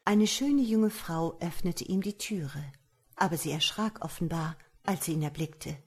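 A woman narrating a fairy tale in a measured, expressive storybook reading. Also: on the low side, breathy edge.

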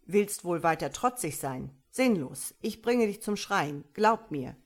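A woman's voice: fairly low pitch, expressive, a little slow. A woman reading aloud and voicing a cruel male dwarf clown who speaks sternly and mockingly in a theatrical way.

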